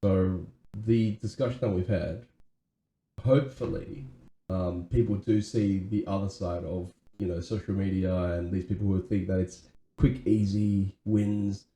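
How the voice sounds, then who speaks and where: Low dark-voiced man, echoey room. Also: steady tone, a little slow, a little hiss or hum. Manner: earnest, many restarts and "right?" tags. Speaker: podcast co-host. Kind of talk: casual chat.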